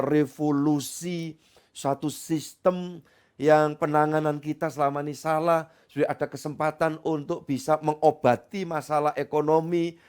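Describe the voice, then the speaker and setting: A middle-aged man, preaching a sermon as pastor in a loose, conversational way with sudden loud rises. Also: on the high side, clean tone.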